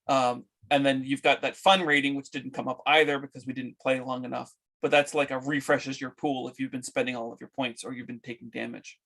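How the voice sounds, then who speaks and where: A man who ran a tabletop game, talking it over casually in a group discussion, halting with many restarts. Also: medium pitch, level tone, gravelly, fairly bright tone. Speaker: game master.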